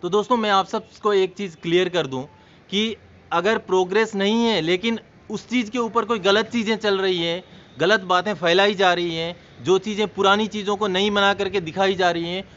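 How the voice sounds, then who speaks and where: A YouTube channel host earnestly explains an issue in an informational vlog, speaking to viewers as friends. His voice is high and a bit bright, at a normal speed. The sound is slightly dull, with faint noise.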